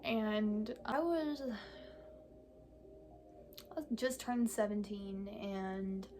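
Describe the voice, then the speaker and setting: An eighteen-year-old woman talking candidly in a casual vlog, halting often with fillers and pauses. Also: mid-range voice, slight background noise. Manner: candid and soft-spoken. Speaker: vlogger. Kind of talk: casual personal vlog talk.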